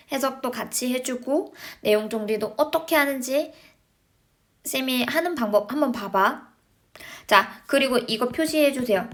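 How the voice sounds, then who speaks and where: A woman with a fairly high voice teaches a recorded lesson to middle school students. She explains step by step and keeps checking in with quick tag questions to make sure they follow. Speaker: English teacher.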